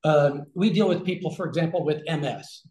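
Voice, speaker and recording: A man's voice: a little high, a little fast, darkish tone. A man in his forties on a video call from a small room, explaining things in a conversational way with many fillers and restarts. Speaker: regenerative health concierge. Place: small room with shelves, indoors. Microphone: video call webcam. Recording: echoey room.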